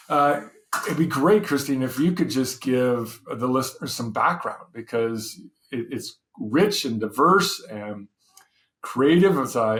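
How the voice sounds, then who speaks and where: A man hosts an interview podcast, opening with a scripted welcome before moving into questions. His voice sits at an ordinary middle pitch. He speaks in a measured way, with the odd hesitant "uh" and repeated word. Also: fairly bright tone. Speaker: podcast host.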